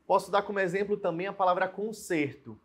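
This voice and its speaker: A Brazilian man teaching a grammar lesson on video. He explains slowly, repeats key points and asks the learners questions. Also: high voice, fairly bright tone, husky. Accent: Brazilian Portuguese.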